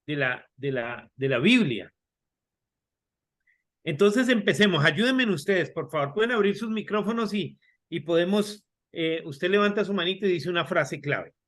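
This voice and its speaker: A high-pitched man leads a Bible class over a video call. He talks slowly and unhurriedly, often repeating and restarting his words and asking the class questions as he goes. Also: fairly bright tone. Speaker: Bible study teacher.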